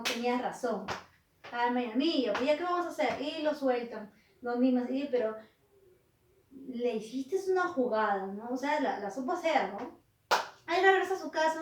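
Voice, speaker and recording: A woman teacher, retelling a tale in a lively way, often ending with a tag question. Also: on the high side, recorded from a distance, slight background noise. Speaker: literature teacher. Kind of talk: retelling a story in a lesson. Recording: roomy, from off the mic.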